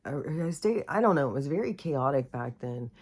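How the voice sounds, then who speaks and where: A woman's voice: extremely low pitch, expressive, brisk, a little mellow, breathy edge. A middle-aged woman from the United States telling a personal story in a rambling, candid way, full of fillers and self-corrections. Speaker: host. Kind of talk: casual storytelling monologue.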